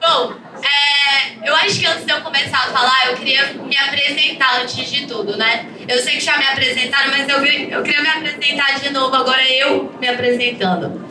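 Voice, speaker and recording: A young woman from Brasília speaks loudly and playfully, with a high, bright pitch. She is caught from a distance in an echoey hall. Steady room noise hums underneath. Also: normal speed. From Brasília, Brazil. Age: young adult. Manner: loud, lively, joking, calls herself a megaphone. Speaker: youth climate activist and panelist. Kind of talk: energetic public talk to an audience. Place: live event venue. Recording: echoey room, far from mic, noisy.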